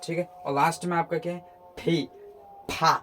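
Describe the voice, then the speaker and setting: A man's voice: fairly high pitch, flat delivery, a little fast, soft background music. A man teaching a phonetics lesson who asks questions and answers them himself, repeating each sound several times in drills. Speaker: English pronunciation teacher.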